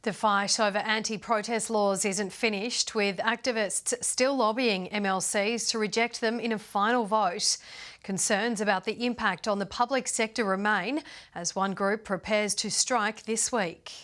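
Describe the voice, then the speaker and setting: A woman with an Australian accent presenting the evening news in a measured, formal read. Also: medium pitch, steady tone, a bit bright. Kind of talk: scripted news reading.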